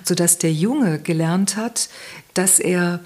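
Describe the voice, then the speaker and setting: A woman speaks as a guest in a relaxed interview, with a low and slightly husky voice. She explains gently and thoughtfully and often pauses to find her words. Her tone stays calm and measured. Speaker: guest giving parenting advice. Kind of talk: reflective conversational interview.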